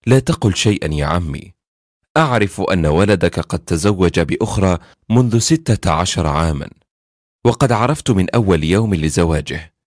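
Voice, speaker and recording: Brief: a calm, pious, wise wife in a told story, read by a man, quiet, low and measured. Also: dry recording, studio quality.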